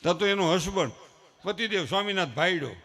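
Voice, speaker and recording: A male comedian, telling animated stories on a live stage and using lots of rhythmic repetition. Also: sits high, fairly quick. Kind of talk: live folk storytelling comedy. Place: live stage show before an audience.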